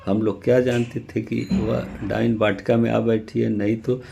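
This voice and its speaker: A man's voice: medium pitch, flat delivery, normal speed, creaky, warm tone, a little hiss or hum. A man reading the lines of panicking, gossiping village women in a story, crying out in alarm.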